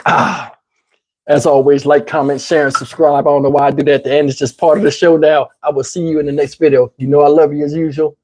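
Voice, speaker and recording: Fast and fairly high-pitched with little pitch movement, this slightly mellow male voice belongs to a Southern US YouTube commentary host. He rambles conversationally to livestream viewers in casual talk, asking "you know what I'm saying." His throat is parched and his voice is growing tired.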